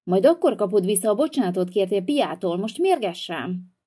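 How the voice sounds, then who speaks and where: A bossy older sister, voiced by a woman in a toy-figure video, nagging and reproachful. The voice is mellow and bounces widely in pitch. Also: very animated, breathy edge.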